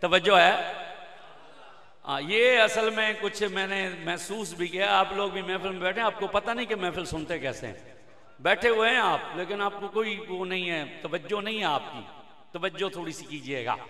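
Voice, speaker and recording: Gravelly preacher with hall echo. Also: male voice, sits high, moderate pace. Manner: rising to impassioned shouting, chanting refrains. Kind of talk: emotional religious sermon. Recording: echoey hall reverb.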